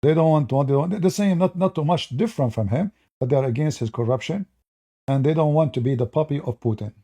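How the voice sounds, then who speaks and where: Fast and fairly high in pitch, a man delivers mocking political commentary directly to his audience. He rambles in a mellow, relaxed tone and often breaks off to restart his sentences.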